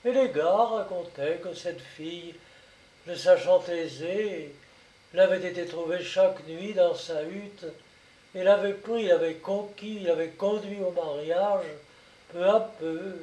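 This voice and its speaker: A man narrating a classic short story aloud in a measured, expressive reading. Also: sits high, distant mic. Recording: echoey room, voice set back from mic.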